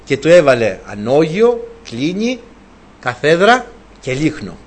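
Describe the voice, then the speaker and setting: A man's voice: fairly high pitch, very animated. A man preaching a sermon, retelling a story animatedly and asking his listeners rhetorical questions.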